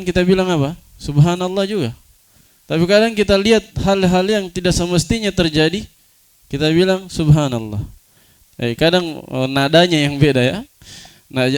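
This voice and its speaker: A man's voice: fairly high pitch, smooth, no room sound. A man teaching Islamic studies in a classroom lecture, explaining terms and putting questions to his students that he then answers himself. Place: study room.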